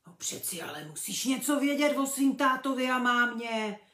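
A woman reading a children's book aloud, voicing a huge, blunt male gamekeeper in loud, folksy speech. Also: fairly high pitch, lively intonation, roomy sound, pitched above the performer's own voice. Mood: insistent.

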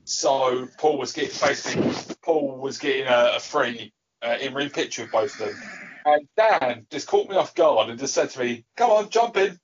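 A man's voice: medium pitch, normal speed, muffled recording. A man with a British accent telling a rambling, stop-start story in casual podcast chat. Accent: British English. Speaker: podcast co-host.

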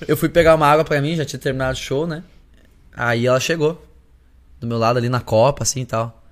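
A young adult man and singer, telling a story in a casual podcast chat, animated and full of slang. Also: mid-range voice, fast talker. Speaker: singer and musician, podcast guest.

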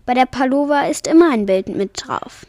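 A woman's voice: high voice, expressive, moderate pace, darkish tone, dry recording, clean studio sound. A woman voicing a shy, furry female yeti ballerina who pleads anxiously, in a storybook reading. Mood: doubtful.

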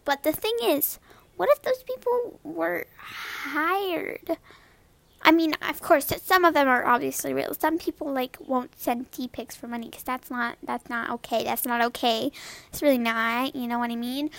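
A young woman with a high girlish voice, chatting casually about gaming, rambling with many fillers and repeated words. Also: moderate pace, a bit bright, no room sound. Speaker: gamer vlogger. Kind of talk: casual chat to camera.

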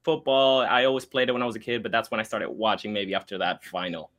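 A man's voice: lowish voice, fast talker, fairly bright tone. A young man from Argentina, a podcast guest joining by video call, telling his story in an easygoing, earnest way. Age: 20s. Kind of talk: casual chat.

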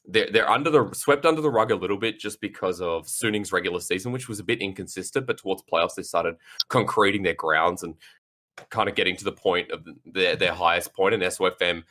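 A man with a low, deep voice that has a forceful, bright edge. He talks in casual panel chat as an esports analyst, rambling through long takes with lots of fillers and restarts. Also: a little fast. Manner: rambling, filler-heavy, apologizes for ranting.

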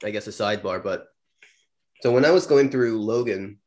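A man co-hosting a podcast in casual chat, rambling and laughing, with some vocal fry. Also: on the low side, normal speed, a little mellow. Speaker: podcast co-host.

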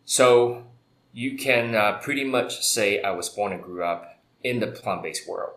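Deep-voiced man from Taiwan, echoey. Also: measured pace, fairly bright tone. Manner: hesitant, many "uh" fillers. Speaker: company founder, interview guest. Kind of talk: conversational interview. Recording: echoey room.

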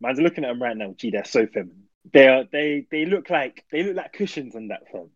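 A man's voice: mid-range voice, lively intonation, a little fast, no echo, dull audio. A young man with a London roadman accent, chatting casually and arguing his opinions in slang, repeating himself for emphasis. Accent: London roadman, multicultural urban London slang. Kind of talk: casual chat, debating opinions.

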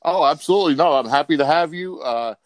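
A man's voice: a little high, fast, no echo. A man hosting a sports podcast in casual talk, with a loose, rambling delivery. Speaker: podcast host.

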